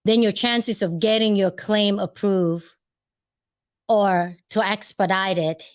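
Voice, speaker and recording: With a Filipino accent, a chatty woman vlogger gives advice straight to camera, laughing readily, rambling and pausing to find her words. She takes it slowly, in a medium-pitched voice with a steady tone.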